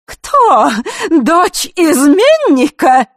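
A woman voicing a villainous female clockmaker who taunts and shouts in a high, strained voice. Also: very animated, drawn-out words, dry recording, studio quality, exaggerated voice. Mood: furious. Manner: taunting, shouting, sing-song.

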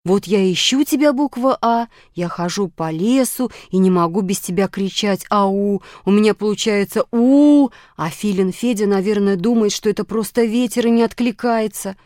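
A woman voicing a flustered, tearful female letter of the alphabet in a children's audiobook, talking loud and high. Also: normal speed, hardly any pauses, no room sound, clean studio sound, lightly acted. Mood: anxious pleading.

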